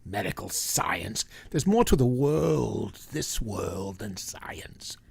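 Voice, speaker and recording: A man's voice: on the low side, lively intonation, slow pace, vocal fry, darkish tone, husky, no room sound, heavily acted. A man playing a grave, commanding older professor and vampire hunter in a vintage-style radio drama. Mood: insistent, commanding. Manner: solemn, emphatic, authoritative.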